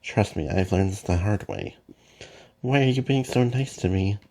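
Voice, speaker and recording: A man voicing a patient male mentor who explains things in a calm, measured way. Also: on the low side, gravelly. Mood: reassuring.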